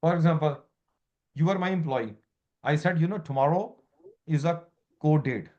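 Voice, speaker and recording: A man's voice: fairly high pitch, moderate pace, darkish tone, highs cut off. A man lecturing a student as a law exam tutor, repeating key terms and quizzing her, in broken English. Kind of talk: informal lecture.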